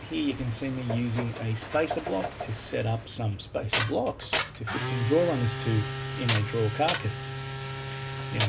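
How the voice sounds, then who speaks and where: Australian woodworker narrating his build, gravelly voice, captured on a hissy phone recorder app, relaxed step-by-step delivery. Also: mid-range voice. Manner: relaxed, plain-spoken, explains step by step. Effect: recorded on a phone voice recorder app instead of a microphone. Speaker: woodworking video maker. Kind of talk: casual voice-over explaining a workshop build. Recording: noisy phone voice-memo recording.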